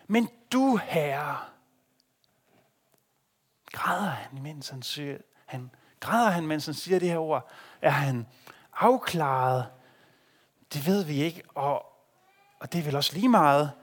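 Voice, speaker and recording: A man preaching a sermon in a dramatic way, swinging between hushed and loud delivery. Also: a little high, slightly rough.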